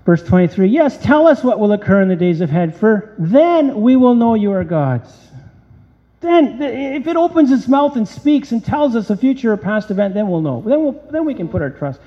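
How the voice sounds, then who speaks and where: A man preaching a sermon, reading scripture aloud and firing off rhetorical questions with animated emphasis. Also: sits high, a little fast, hardly any pauses. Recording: dull lo-fi sound with long hall reverb.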